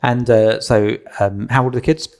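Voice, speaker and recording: A man's voice: mid-range voice, fairly even intonation, moderate pace, darkish tone. A man hosting a podcast and interviewing his guest conversationally. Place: church side hall.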